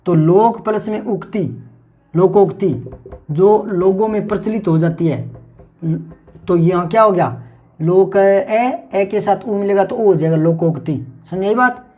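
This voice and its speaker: A man's voice: high voice, measured pace, a little mellow, soft background music. A man teaching a grammar lesson, explaining patiently and repeating key words aloud to drill them. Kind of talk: classroom-style grammar lesson.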